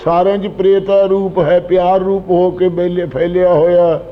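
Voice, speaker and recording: A man's voice: sits high, little pitch movement, normal speed, long reverb tail, muffled recording. A man earnestly expounding scripture line by line, addressing his listeners directly.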